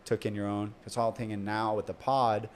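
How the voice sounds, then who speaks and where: A man's voice: lowish voice, level tone, normal speed. A man hosting a podcast in a casual, enthusiastic, chatty way. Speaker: podcast host. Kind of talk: casual conversational interview.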